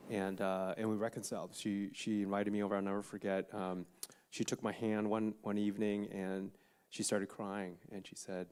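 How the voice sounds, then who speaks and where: A man's voice: fairly low pitch, little pitch movement, moderate pace, a little mellow, clean tone. A man on a conference panel telling an earnest personal story and acting out quoted family members. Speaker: panel guest.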